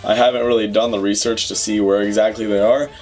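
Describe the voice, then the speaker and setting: A young man hosting a casual unboxing vlog at home, chatty and excitable, with lots of fillers and gushing. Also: on the low side, fast talker, faint music behind. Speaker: YouTube host. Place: home room with puzzles on the wall.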